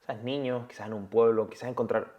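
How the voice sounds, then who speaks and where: A man's voice: medium pitch, fairly quick, lo-fi sound. Young Canarian man chatting casually. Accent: Canarian Spanish. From Tenerife, Canary Islands. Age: young adult. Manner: relaxed, chatty, peppers speech with "¿sabes?" and "tío". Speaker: guest. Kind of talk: casual conversational interview.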